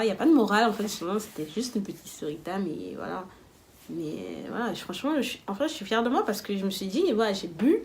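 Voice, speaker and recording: A young adult woman telling a casual storytime vlog in a chatty, lively way with many fillers. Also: mid-range voice, slight background noise. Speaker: vlogger.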